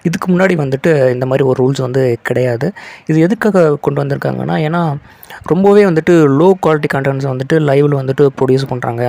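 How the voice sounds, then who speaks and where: Hosting a tech news video, a man explains the stories informally and conversationally, sprinkling in filler words and English terms. His mid-range voice has a darkish tone and vocal fry.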